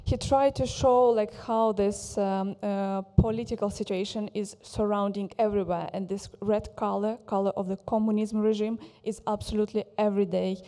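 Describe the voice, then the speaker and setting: Woman speaker, mellow tone, hesitant non-native English, long hall reverb. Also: medium pitch, fairly even intonation. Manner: halting non-native English with many fillers. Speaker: presenting speaker on photography. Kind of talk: presentation with consecutive interpreting. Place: large hall.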